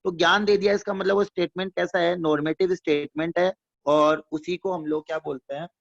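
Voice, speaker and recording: A man's voice: high-pitched, fairly even intonation, a little fast. A man teaching an economics lesson who explains by repetition and keeps quizzing his listeners with check-in questions, addressing them fondly as his students. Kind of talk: classroom-style lecture. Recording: dull lo-fi dry recording.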